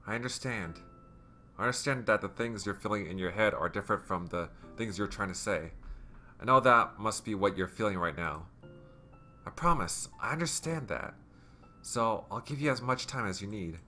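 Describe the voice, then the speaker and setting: A man reading as a gentle, soothing teenage girl. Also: lowish voice, animated, moderate pace, soft background music. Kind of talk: reading game dialogue aloud.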